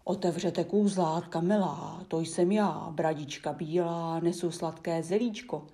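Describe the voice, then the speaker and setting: A woman's voice: fairly low pitch, steady tone, warm tone, lightly acted. A woman voicing a sly hairy male wolf who pretends to be a mother goat, coaxing, in whispered role-play.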